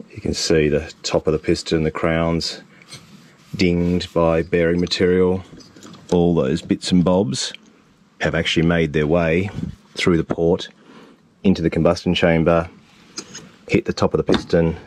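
A middle-aged man giving casual, hands-on repair commentary in a wry, understated, self-deprecating way. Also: low voice. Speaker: host, DIY outboard mechanic. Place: open-sided cluttered workshop. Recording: noisy workshop audio with clicks and clanks.

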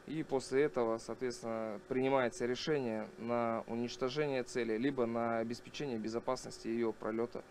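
Gravelly, halting military man. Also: mid-range voice, steady tone, darkish tone, slight background noise. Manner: measured, formal, halting. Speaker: air defence officer. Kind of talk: explanatory interview. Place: small military command post room.

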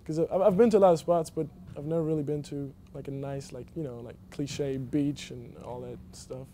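A man's voice: a little high, steady tone, fairly quick, mellow, a little hiss or hum. A young man from Germany, a college basketball player, answering interview questions casually with many fillers and restarts. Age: young adult. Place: empty indoor basketball arena.

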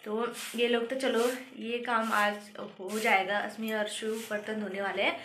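A woman's voice: on the high side, little pitch movement, normal speed, fairly bright tone, reverberant. A woman in her thirties from Uttarakhand in India, chatting casually in a home vlog as she narrates her chores in the kitchen. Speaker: vlogger. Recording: noisy home recording.

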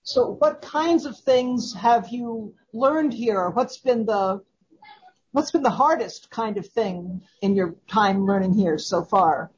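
Husky-voiced female podcast host. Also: mid-range voice, lively intonation, slow, a little mellow, muffled recording. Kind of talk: podcast interview.

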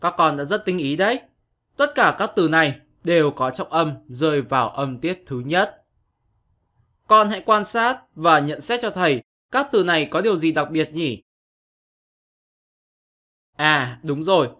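Bright-voiced male teacher explaining. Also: a little high. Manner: patient, explains step by step to young pupils. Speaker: English teacher. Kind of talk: scripted online lesson narration.

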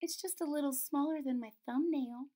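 A woman voicing a sick little girl princess in a storybook, speaking softly and weakly with a childlike lilt. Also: high-pitched, moderate pace, voice pushed up, close to an everyday voice. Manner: soft, weak, with a childlike lilt.

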